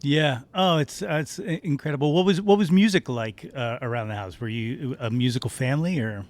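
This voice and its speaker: A man hosting a casual podcast interview, talking eagerly and haltingly as a fan. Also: mid-range voice, no room sound. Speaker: podcast host.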